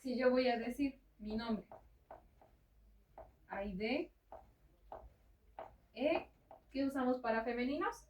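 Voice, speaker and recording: A woman's voice: on the high side, slow, pauses often, a little mellow, a little hiss or hum. A woman giving a patient, step-by-step home lesson in French, often checking in with the learner. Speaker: informal French tutor. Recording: roomy sound, far from the mic.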